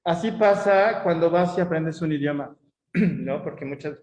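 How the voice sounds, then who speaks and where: A man's voice: a little high, a little slow, darkish tone. Chatty Mexican man, echoey lo-fi lecture. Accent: Mexican Spanish. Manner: chatty, frequent tag questions and fillers. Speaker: conference speaker. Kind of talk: conversational lecture with anecdotes. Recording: echoey, dull lo-fi room audio.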